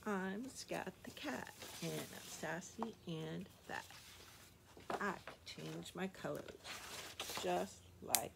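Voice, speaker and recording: A woman voicing a sassy, fat magic male cat in a storybook read to preschoolers, in a slow sing-song rhyming chant with a gravelly edge. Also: lowish voice, heavy background noise, full character voice.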